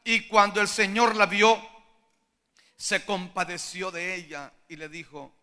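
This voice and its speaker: A middle-aged man preaching a sermon as pastor, impassioned, moving from hushed storytelling to shouted appeals. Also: high voice, a little slow.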